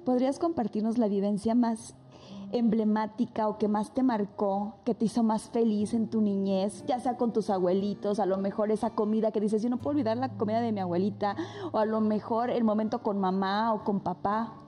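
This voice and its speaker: A woman co-hosting a podcast who asks her guest inviting, gentle questions in a casual chat. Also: mid-range voice, steady tone, brisk. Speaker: podcast co-host.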